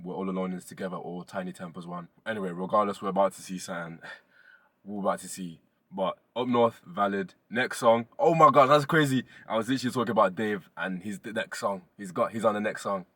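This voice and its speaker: Deep-voiced young man, chatty reactor. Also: no room sound. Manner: relaxed, chatty, swears casually. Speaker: music reaction host. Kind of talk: casual reaction commentary.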